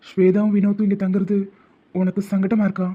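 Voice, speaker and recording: A man voicing a devoted, protective young man in a cartoon, talking earnestly and gently comforting. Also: sits high, completely flat delivery, fairly quick. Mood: tender. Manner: earnest, soft-spoken comforting. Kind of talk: cartoon voice acting. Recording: tinny phone-like sound.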